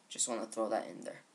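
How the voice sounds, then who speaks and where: A woman casually narrating a video game playthrough, her voice a little rough from having just woken up. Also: extremely low pitch. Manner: casual, unhurried chatter to viewers. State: voice a bit rough from just waking. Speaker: gaming channel host. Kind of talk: let's play commentary. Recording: loud game music underneath. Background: video game music.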